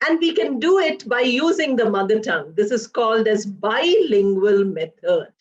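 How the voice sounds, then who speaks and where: The recording, dull and lo-fi as if from an online class on a computer microphone, captures a woman professor of English delivering a slow, deliberate lecture. Her voice is somewhat high, and she walks through concepts step by step with simple examples, drawing out key words for emphasis.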